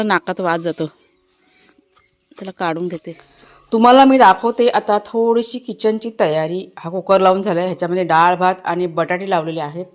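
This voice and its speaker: A woman's voice: fairly low pitch, no room sound. A woman vlogging casually outdoors in her garden, chatting to viewers and explaining what she shows. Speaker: family vlogger. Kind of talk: casual vlog walkthrough talking to viewers.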